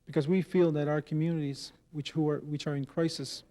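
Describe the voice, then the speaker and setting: Male leader at a press statement, dark mellow tone, slightly raised pitch, halting unscripted delivery. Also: little pitch movement. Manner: halting, with repeated words and pauses.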